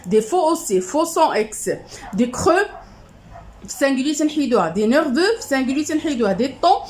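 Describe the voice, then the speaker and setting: A high-pitched woman with a Moroccan accent teaches a class. She reads each word slowly, states the rule in a lower, flatter voice, and then checks that everyone has followed. Now and then she breaks into quick asides. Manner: patient, repeats each word then its rule, asks "c'est bon?"; switches into fast Moroccan Arabic asides. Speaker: primary school teacher. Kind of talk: classroom lesson correcting exercises.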